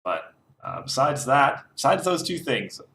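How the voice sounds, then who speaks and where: A man's voice: medium pitch, sing-song, measured pace, vocal fry, sharp tone, a little hiss or hum. A man co-hosting a casual card game podcast, talking with lots of fillers and restarts. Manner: hesitant, many fillers and restarts. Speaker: co-host. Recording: roomy echo.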